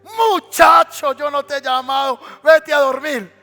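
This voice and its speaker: A preacher acting out a sleepy, grumpy old priest who waves off being woken. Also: male voice, very high-pitched, fast, a bit bright. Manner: drowsy, brushing off. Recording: reverberant church hall with faint music.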